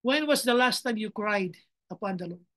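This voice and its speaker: A woman's voice: medium pitch, moderate pace, a bit bright. A woman pastor preaching a sermon with passion. She switches between two languages and breaks into dramatic cries to God.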